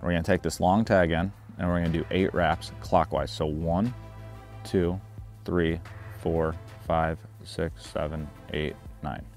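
A man's voice: sits low, measured pace, faint music behind. A man hosting a fishing vlog outdoors on a river, chatting casually and explaining his rig and knot step by step. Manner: relaxed, chatty, instructive. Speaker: fishing guide and vlog host.

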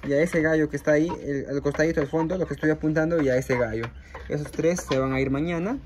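A man's voice: on the high side, steady tone, fast, darkish tone, a little hiss or hum. A man running a small poultry project, chatting casually to his viewers with plenty of fillers. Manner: chatty, addresses viewers as friends, frequent fillers. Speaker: small-scale poultry farmer. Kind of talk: casual vlog explaining his chicken project. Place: outdoors at a chicken coop. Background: hens and roosters clucking faintly.

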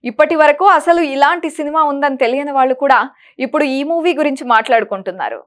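A woman presenting entertainment news, reading a script in a brisk, even manner. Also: high-pitched.

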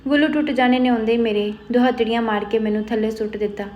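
Lady doing a sore old village auntie, husky strained voice, kinda high. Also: steady tone, quick pace, lo-fi sound, natural voice. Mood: pained. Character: older village aunt, beaten, in pain, stubborn.

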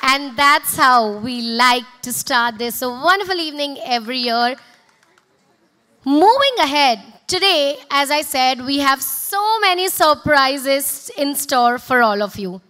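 A woman's voice: sits high, unhurried, dry recording. A young woman with an Indian accent hosting a corporate event, projecting energetically to an audience as an emcee. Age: young adult. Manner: energetic, projected, rousing delivery. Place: large auditorium stage. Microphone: handheld and podium microphone.

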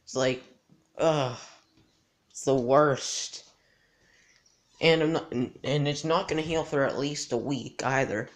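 A teenage male vlogger chatting casually and haltingly, with his mouth not fully closing after dental surgery. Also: medium pitch. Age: teens. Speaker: gaming channel host. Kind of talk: casual vlog chat to camera. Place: indoors in a house. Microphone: handheld device at arm's length.

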